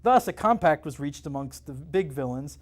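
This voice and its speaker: A man, the author, reading his own novel aloud at a live event in a comic and game shop, narrating with lively drama. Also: fairly high pitch, moderate pace.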